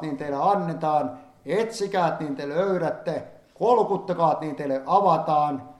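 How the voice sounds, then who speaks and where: Man, high voice, solemn sermon reading, fervent, reverberant room. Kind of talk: solemn sermon reading in old-fashioned language. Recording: echoey room.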